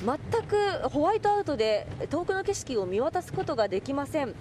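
A woman's voice: sits high, sing-song, a little fast. A woman working as a field reporter, giving an earnest, urgent live weather report. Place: outdoors in a snowstorm, also in a car. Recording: faint wind and traffic noise.

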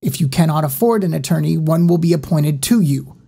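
A woman's voice: extremely low pitch, fairly even intonation, slow, husky, full character voice. A woman reading an audiobook, voicing a serious male police constable with stiff, formal delivery. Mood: stern.

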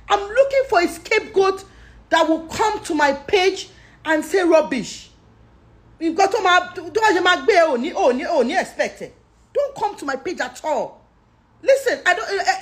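A woman's voice: very high voice, a bit bright. A middle-aged Nigerian woman with a Yoruba accent, talking straight to camera in an impassioned rant, pleading and scolding as she moves between English and Yoruba. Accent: Nigerian, Yoruba-speaking. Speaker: social media personality.

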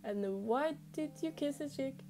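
A woman's voice: high-pitched, animated, measured pace, mellow, a little hiss or hum. A woman voicing a protective, teasing older brother, a young man hero, reading his lines aloud from a fan story with light emphasis.

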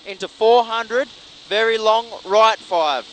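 A man co-driving in a rally car, calling rapid pace notes in urgent, clipped, repeated bursts. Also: sits high, a bit bright, poor audio. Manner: urgent, clipped, repetitive calls. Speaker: rally co-driver. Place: inside a moving rally car. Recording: in-car recording with clear vehicle noise.

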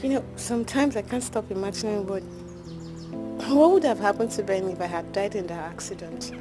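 An actress with a Nigerian accent playing a devout, long-suffering wife who speaks softly and patiently. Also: female voice, medium pitch, brisk, music in the background, close to an everyday voice. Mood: hopeful. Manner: soft, patient, faith-filled. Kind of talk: film drama acting.

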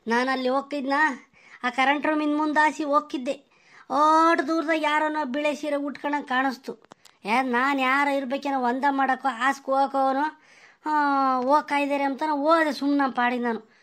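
Scared stiff village person, woman doing it, talks super fast, keeps repeating themselves in a panic. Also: sits high, fairly even intonation, a bit bright. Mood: panicked. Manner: panicked, breathless, frantic repetition. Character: terrified villager who says a ghost is haunting them.

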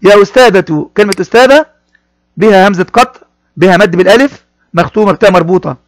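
High-voiced male teacher, patient and repetitive. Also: no room sound. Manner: explains each word slowly, addressing pupils, repeating phrases. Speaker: primary school teacher. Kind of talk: classroom reading lesson.

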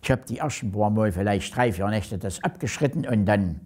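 A man in his eighties recounting his past in an interview, speaking slowly with halting pauses. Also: lowish voice, darkish tone. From Germany. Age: 80s. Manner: slow, halting, pauses often. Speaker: former prisoner, interviewee.

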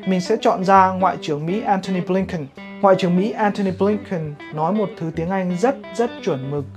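A woman from Vietnam teaching English pronunciation in a vlog, explaining in a measured way. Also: fairly low pitch, darkish tone. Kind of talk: vlog lesson commentary. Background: guitar music.

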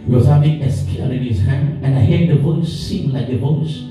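A pastor with African English preaches in a church hall, his voice somewhat high for a man and fairly quick. His sermon rolls along in a repetitive cadence, piling promise on promise with repeated phrases and rising declarations as his voice climbs. He is recorded from some distance in a very reverberant hall, with music clearly audible behind him.

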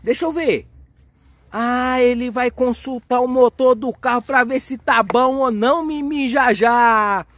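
A young father, filming his kids at play outdoors and narrating in an excitable, coaxing way. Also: very high-pitched, unhurried, dry recording. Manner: excitable, coaxing, cheers and exclaims often. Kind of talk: playful family vlog narration. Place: outdoors on a street and yard.

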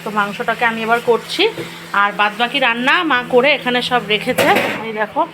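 A woman with a hoarse voice from a cold, chatting casually to viewers in a home vlog from her kitchen. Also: a little high, a little fast. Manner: chatty, addresses viewers directly. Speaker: vlogger. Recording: noisy home recording.

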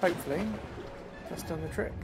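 Chatty man streaming a game. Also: fairly high pitch. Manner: chatty, reacting with quick exclamations. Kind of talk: live gameplay commentary. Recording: game music playing behind.

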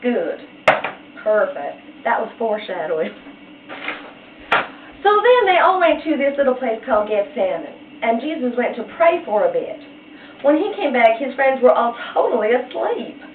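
Playful, chatty woman art teacher; higher voice, distant tinny recording. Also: sing-song, normal speed, a little hiss or hum. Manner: chatty, playful, retells story in slang. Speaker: painting teacher. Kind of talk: casual art lesson with storytelling. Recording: echoey, tinny, far from mic.

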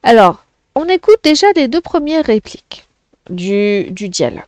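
A woman's voice: on the high side, sing-song, moderate pace, a little mellow, dry recording. A woman teaching a French lesson to children, explaining patiently and often checking "d'accord?".

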